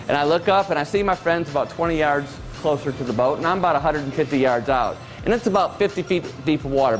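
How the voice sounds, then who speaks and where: A keynote speaker in his late forties gives a motivational talk, telling stories in a loose, conversational style. For a man, his voice sits slightly high, and faint music runs underneath.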